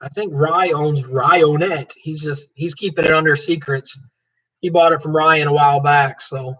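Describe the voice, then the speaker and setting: Poor audio carries a man's steady, slightly high voice with a bit of brightness, at a moderate pace. As host of a live stream, he loosely chats and jokes, reading comments out and answering viewers by name.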